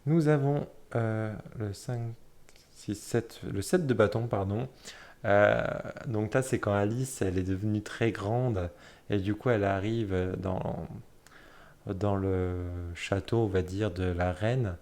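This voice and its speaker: Flipping casually through a tarot deck, a man with a slightly low voice pauses on every card to admire it. He speaks softly and plainly, but his delivery is hesitant, full of fillers and quick self-corrections.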